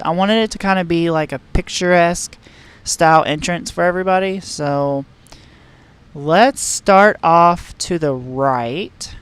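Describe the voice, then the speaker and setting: A man's voice: fairly high pitch, vocal fry, fairly bright tone, clear, resonant tone. A man streaming a park-building game, talking casually through a headset at home with lots of fillers and restarts. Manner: rambling, chatty, many fillers and restarts. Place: home room with a heater.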